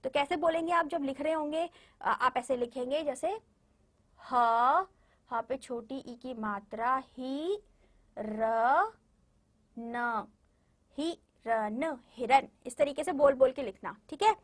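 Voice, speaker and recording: A woman teacher giving a recorded lesson to young children, slowly and patiently spelling words out syllable by syllable and encouraging them as she goes. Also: sits high, a bit bright. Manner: encouraging, addresses children directly. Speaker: primary school Hindi teacher.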